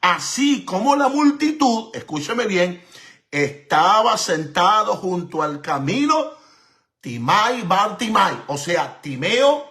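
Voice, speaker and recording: Bright, high-voiced emphatic male preacher. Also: sing-song, takes it slowly. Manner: emphatic, repetitive preaching with rhetorical questions and Hebrew terms. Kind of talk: sermon.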